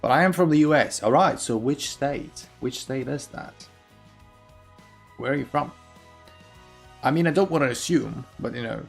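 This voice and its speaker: Gravelly-voiced man chatting with viewers live. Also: mid-range voice. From Belarus. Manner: chatty, reads and answers chat aloud. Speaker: chess streamer. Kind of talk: casual live-stream chat.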